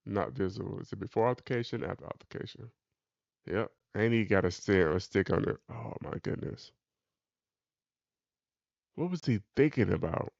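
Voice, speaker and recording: A man's voice: fairly low pitch, creaky, dry recording, muffled recording. A man giving casual, colloquial reaction commentary in an exasperated, preachy way.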